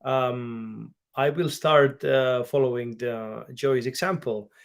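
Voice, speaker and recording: A man in his thirties with a Spanish accent, co-hosting a casual podcast chat in halting English full of fillers. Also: medium pitch, fairly even intonation, vocal fry. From Mallorca, Spain. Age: 30s. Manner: halting non-native phrasing, many fillers. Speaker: podcast co-host.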